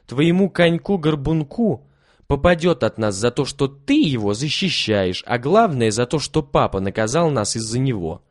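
A man voicing a spiteful, bullying boy in a storybook reading, with loud, mocking taunts. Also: medium pitch, sing-song, normal speed, no room sound, clean studio sound, pitched above the performer's own voice, natural voice. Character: spiteful, bullying older brother.

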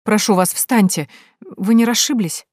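A woman's voice: medium pitch, measured pace, darkish tone, no echo, clean studio sound, pitched above the performer's own voice, close to an everyday voice. A woman reading an audiobook voices a shy young woman who speaks breathlessly and pleadingly. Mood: flustered.

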